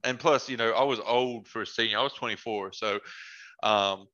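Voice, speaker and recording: A young man, a former basketball player, telling stories in a relaxed podcast chat and acting out what his friends said. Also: medium pitch, moderate pace, dull audio. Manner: animated storyteller, quotes friends in their voices, laughs often. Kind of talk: casual podcast chat, storytelling.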